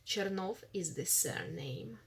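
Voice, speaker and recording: A woman's voice: on the low side, lively intonation, slow pace, vocal fry, husky. A woman with a Russian accent, a native Russian speaker, teaching a beginner lesson, patiently repeating phrases and explaining them step by step. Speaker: language teacher. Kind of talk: screen-recorded app walkthrough lesson.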